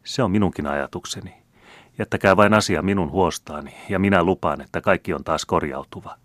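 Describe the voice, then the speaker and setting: A man's voice: sits low, fairly bright tone, no echo. Man doing a proud, scheming noble son. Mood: soothing. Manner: smooth, feigning, commanding.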